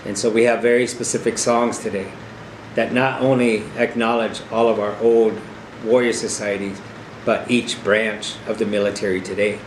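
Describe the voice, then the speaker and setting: Low-voiced older man, echoey room. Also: moderate pace. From South Dakota, United States. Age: middle-aged or older. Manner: earnest, explanatory, with repeated emphatic phrases. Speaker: powwow arena director. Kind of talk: informal educational talk. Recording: echoey room with clear steady background hum.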